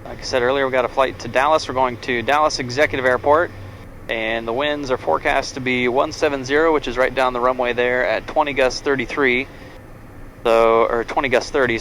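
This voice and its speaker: A man's voice: mid-range voice, a bit bright, poor audio. A man talks casually and matter-of-factly as a pilot, giving checklist commentary in an aircraft cockpit. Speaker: pilot and presenter. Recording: cockpit audio, faint engine noise.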